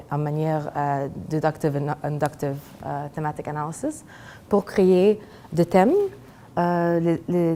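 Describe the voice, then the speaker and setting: Low-voiced woman, halting foreign-accented French. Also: warm tone. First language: not French. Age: young adult. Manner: hesitant, halting non-fluent French, searching for words. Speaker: graduate student presenting research. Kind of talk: academic presentation of a thesis project.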